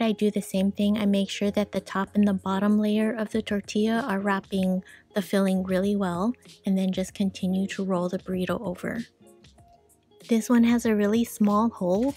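A woman giving calm, matter-of-fact voice-over instructions for a home cooking video, explaining each step plainly. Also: mid-range voice. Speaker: frugal cooking vlogger.

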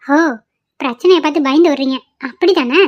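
A woman's voice: high voice, normal speed, highs cut off, close to an everyday voice. A woman voicing an indignant young wife in a cartoon, scolding her brother-in-law. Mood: reproachful. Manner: indignant, reproachful.

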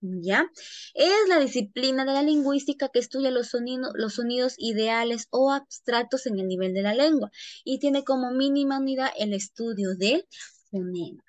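A woman's voice: on the high side, expressive, normal speed, no room sound. A woman teacher giving an online lesson, often checking in with her students by asking "¿ya?" and calling them "chicos".

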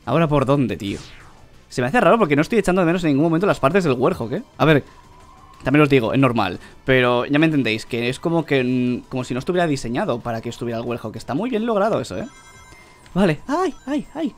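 Young male gamer, lively swooping voice, yelps as he plays, faint music under. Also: mid-range voice. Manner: excitable, yelps and laughs while playing. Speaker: gaming channel host. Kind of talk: gameplay commentary.

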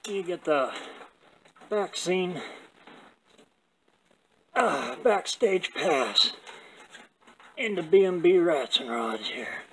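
A man in his sixties with slightly slurred, toothless diction, talking in a folksy, halting, rambling way as he vlogs from his car workshop. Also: high-pitched, lively intonation, a bit bright. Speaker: car builder and vlogger. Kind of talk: casual shop vlog, talking while working. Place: cluttered metal garage workshop, indoors. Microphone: camera a short distance away, later handheld. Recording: clearly noisy workshop ambience.

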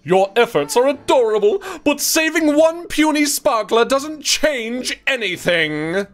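A man's voice: extremely high pitch, big pitch swings, unhurried, fairly bright tone, pitched above the performer's own voice, full character voice. A man voicing a haughty, theatrical villainess in a video game, grandiose and drawn out like a glamorous old Hollywood star. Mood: haughty, menacing.

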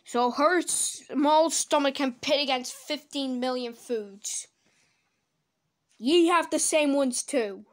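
A woman giving casual reaction commentary on videos, blunt and crude, swearing freely with sudden loud outbursts, into a desk microphone. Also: high voice, slow pace.

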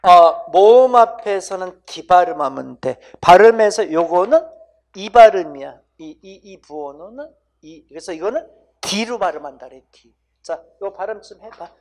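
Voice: mid-range voice, expressive, moderate pace. An English grammar teacher giving an exam-prep lecture in casual speech, coaxing students to repeat sounds and constantly checking in with "right?". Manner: casual banmal, keeps asking students "right?".

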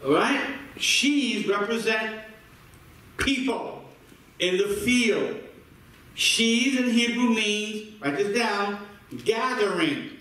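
This pastor's sermon comes through high-pitched, bright, and forceful, with lively intonation and a slow pace. Repeating words to build his points and calling out for responses, he addresses the congregation from a church sanctuary recorded far away with lots of echo.

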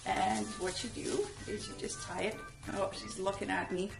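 A woman's voice: mid-range voice, normal speed, creaky, roomy sound, far from the mic, music in the background, rough recording. A middle-aged woman hosting a casual home how-to video, chatty with frequent ums, heard through old camcorder audio.

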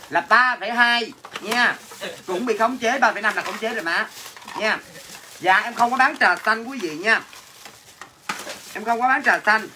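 Over a noisy background of clattering dishes, a high-pitched Southern Vietnamese livestream seller keeps up comedic sales banter. He's brash and teasing, replying to viewer comments with mockery.

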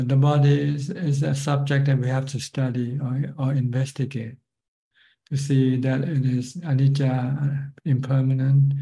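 An older Buddhist monk with a Thai accent, calmly explaining Dharma on a video call. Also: male voice, medium pitch, low-quality recording. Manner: calm, measured, plain explanations. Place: plain room, seated in office chair.

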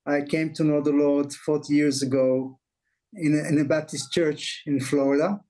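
Earnest Israeli-accented pastor, slightly high voice. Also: male voice, steady tone, dark tone, rough recording. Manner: earnest, halting with many fillers. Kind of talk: interview guest on video call. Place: home office, indoors. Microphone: video call webcam.

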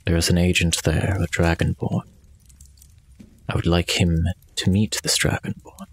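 A man playing a tabletop game, speaking in character in a measured, formal, quietly menacing way. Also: low voice, steady tone, breathy edge, dry recording. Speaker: player. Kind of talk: in-character tabletop role-play.

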